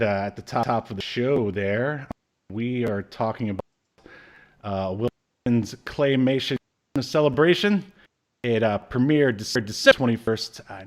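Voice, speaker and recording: Speaking a little slowly in a mid-range voice, a thirty-something man with a slight cold jokes and chats casually while co-hosting a podcast that reviews pop culture. He joins by video call from a shelved home room.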